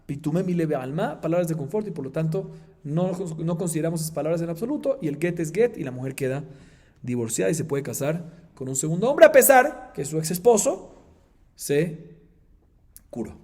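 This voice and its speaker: A man, a rabbi, teaching a Talmud class, explaining the text in an animated way with emphatic highs and chanting the Aramaic passages. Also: moderate pace. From Colombia.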